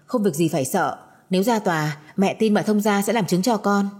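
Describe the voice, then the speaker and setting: A woman voicing a calm, protective middle-aged mother in a spoken audio story, soothing yet firm. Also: mid-range voice, fairly quick, breathy edge, close to an everyday voice.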